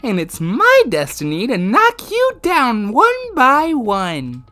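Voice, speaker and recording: A man's voice: very high-pitched, wildly swooping pitch, pushed and bright, faint music behind, pitched above the performer's own voice, heavily acted. A man voicing a sly, gleefully cruel male bear mascot villain in a video game, with a somewhat sick voice. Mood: gloating. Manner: slow, singsong, mock-sorrowful taunting.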